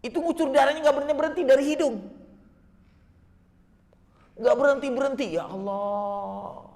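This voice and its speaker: A man's voice: very high-pitched, brisk, a little mellow, in a large hall. A man giving a religious lecture, telling vivid stories and constantly addressing his listeners as sir. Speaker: religious teacher.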